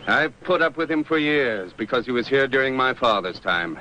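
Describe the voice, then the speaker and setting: A man's voice: medium pitch, expressive, moderate pace, pushed and bright, a little hiss or hum, rough recording. An actor playing a stern, formal older banker lecturing his grown son.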